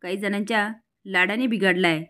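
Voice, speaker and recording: A woman doing a sharp-tongued scolding aunt. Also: mid-range voice, fairly even intonation, moderate pace, clear, resonant tone, close to an everyday voice.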